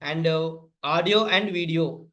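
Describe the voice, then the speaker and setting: An Indian-accented man teaches coding step by step as a tutorial instructor, unhurried and using repetitive phrasing. His pitch is fairly high and a bit bright, and he refers to listeners as friends.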